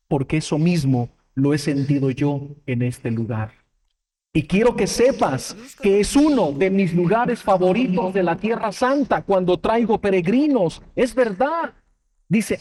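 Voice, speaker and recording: A man's voice: high voice, darkish tone. A man, a Bible teacher, preaching a sermon and telling a personal testimony with emotion, acting out the dialogue. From Mexico. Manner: emotional storytelling, acts out dialogue.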